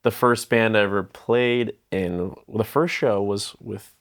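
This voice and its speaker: A man in his thirties, speaking unhurriedly in a lowish voice with fairly even intonation, chats casually as a podcast guest. He is loose and profane, often breaking off mid-thought and starting over.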